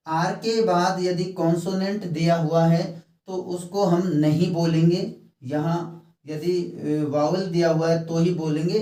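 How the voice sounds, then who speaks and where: Slow-talking man teaching, echoey room. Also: fairly high pitch, mellow, far from the mic. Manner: slow, explanatory, mixing in English terms. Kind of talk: phonetics lesson. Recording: echoey room, mic set back.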